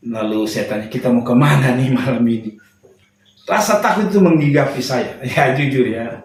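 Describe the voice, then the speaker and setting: A man's voice: medium pitch, normal speed. A young man, preaching a sermon as a pastor and telling a personal story with humor. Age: young adult. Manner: storytelling with humor, laughing at his own jokes. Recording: echoey hall, voice from far off.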